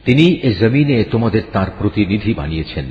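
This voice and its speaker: Solemn low-voiced man reading scripture. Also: big pitch swings. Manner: solemn, measured recitation. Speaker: reader of a scripture translation. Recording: echoey hall reverb, dull lo-fi sound.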